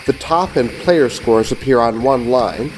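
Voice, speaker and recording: A middle-aged man, giving scripted, measured and precise review narration as host of a retro gaming show. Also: medium pitch, a little mellow, soft background music, poor audio.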